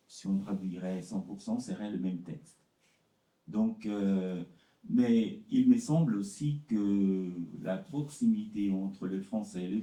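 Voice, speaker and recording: A man speaks slowly and haltingly in a conference talk, repeating words as he searches for them. His voice is low, dark and mellow. The sound is distant and echoey, recorded in a hall. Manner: slow and halting, many repeated words and fillers. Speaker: literary translator presenting his work. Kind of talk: conference talk answering questions.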